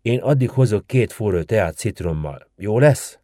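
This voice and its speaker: Fussy sharp-tongued old village woman, voiced by a male storyteller, dark low tone. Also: animated, no echo, studio quality. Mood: fussing. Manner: scolding, folksy and bustling.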